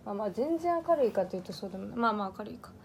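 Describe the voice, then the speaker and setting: A woman's voice: mid-range voice, animated, rapid-fire, vocal fry, a little mellow, slight background noise. Chatty young woman with Iyo dialect. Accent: Iyo dialect of Ehime, Japan. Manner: chatty, laughs often, stumbles and restarts words. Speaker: idol livestreamer. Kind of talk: casual livestream chat reading comments.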